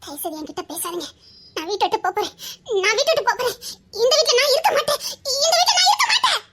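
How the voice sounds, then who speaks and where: A woman voices a frightened young wife crying in a tearful melodrama. Her voice sits extremely high and rushes forward, breaking on nearly every line. The speech carries a Tirunelveli Tamil accent. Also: expressive, a little hiss or hum. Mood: tearful, anguished. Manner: sobbing, breaking voice, repeated pleas. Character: distraught young wife, weeping, frightened, threatening to leave.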